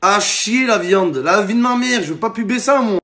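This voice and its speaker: An excitable comedian in his forties, talking in loud, slangy bursts. His pitch swings widely and his tone is bright and sharp. He keeps breaking into shouts. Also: moderate pace. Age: 40s. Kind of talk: comic sketch and vlog monologue.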